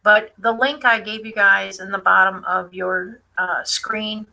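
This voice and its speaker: A woman's voice: mid-range voice, steady tone, measured pace, gravelly, pushed and bright, rough recording. A woman hosting a casual live stream, chatty and defiant, with many fillers as she comments on a news clip. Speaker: online show host.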